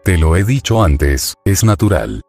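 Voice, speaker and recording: A deep-voiced man reading as Jiraiya, a gruff older ninja. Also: sing-song, a little slow, faint music behind, full character voice. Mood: grumbling. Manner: gruff, shouting back.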